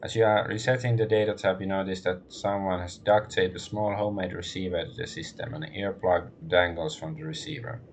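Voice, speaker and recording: Low deep-voiced guy streaming a game, reads the text out loud, relaxed, lots of uh and um. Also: fairly quick, hardly any pauses, slight background noise. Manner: relaxed, thinks aloud with fillers. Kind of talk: reading game text aloud while playing.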